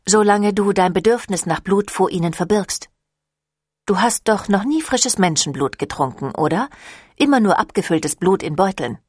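A woman voicing a seductive, ancient female vampire clan leader in an audiobook, with a silky, teasing manner that drops into breathy whispers. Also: medium pitch, animated, normal speed, darkish tone, no echo, studio quality. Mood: coaxing. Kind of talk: audiobook reading.

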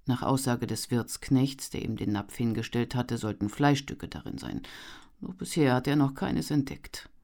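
An audiobook narrator reading a historical novel with measured pacing and expressive storytelling. The voice sits at a middle pitch and carries the scene calmly. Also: creaky.

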